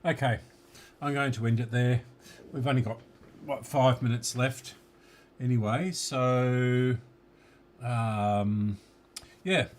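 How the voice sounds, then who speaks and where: A mid-pitched Australian man works through an electronics repair at home, slow and unhurried, muttering half to himself as he goes. It's casual workshop commentary, with a faint hiss sitting under his voice.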